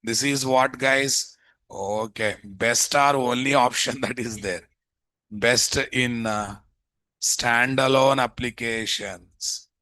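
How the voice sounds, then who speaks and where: In a live indoor online class shared over screen, a programming teacher with a Telugu Indian accent dictates notes, repeats himself, and checks listeners using tag questions. He speaks slowly in a medium, fairly even, pushed and bright voice, and the audio quality is poor.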